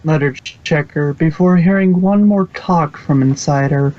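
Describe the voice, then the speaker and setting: A man with a slightly high voice reads fan fiction from a script at a measured pace, keeping it informal. He stumbles now and then and corrects himself, all captured on a dull lo-fi recording.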